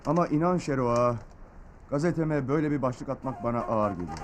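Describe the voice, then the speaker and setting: An actor playing a weary newspaper man talking quickly. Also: mid-range voice, expressive, close to an everyday voice. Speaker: newspaper journalist.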